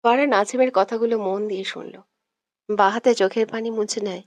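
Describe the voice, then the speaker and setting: A woman narrating a scripted audio love story in a steady, even reading voice. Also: mid-range voice, a little fast, no echo.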